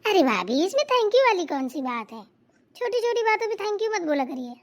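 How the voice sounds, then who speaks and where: For a cartoon, a woman voices a bossy, meddling young sister-in-law who hands out orders and advice. Her very high-pitched voice swings widely in pitch, and her manner is quick, bossy and advising.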